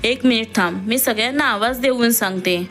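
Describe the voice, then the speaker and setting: A woman's voice: on the high side, fairly quick. A woman voicing a shy, hesitant young woman from a poor family in a read-aloud story. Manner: hesitant, soft-spoken. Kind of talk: storybook reading.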